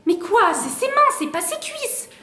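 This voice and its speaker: A woman playing a capricious young wife, teasing and petulant, in a high voice. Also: sing-song, measured pace, echoey room, crowd noise, exaggerated voice.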